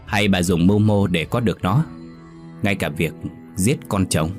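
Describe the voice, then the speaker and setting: A drunken, sneering husband, played by the narrator taunts his wife with cold contempt. His voice is very low and deep, with faint music under this audio ghost story. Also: moderate pace, close to an everyday voice. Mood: mocking.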